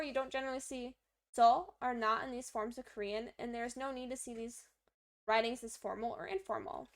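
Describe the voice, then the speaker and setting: A woman's voice: high-pitched, creaky. A woman on a live study stream, reading lesson text aloud and chatting to herself as she writes out examples in an upbeat way. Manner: upbeat, talks to herself while working through examples. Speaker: livestreaming language learner.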